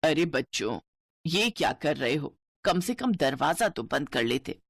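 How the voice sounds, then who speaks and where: A woman voicing a gentle, loving middle-aged mother-in-law in a cartoon story, speaking in a soft, soothing way. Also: low voice, very animated, unhurried, gravelly, breathy edge, no room sound, clean studio sound, pitched below the performer's own voice, heavily acted. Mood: amused.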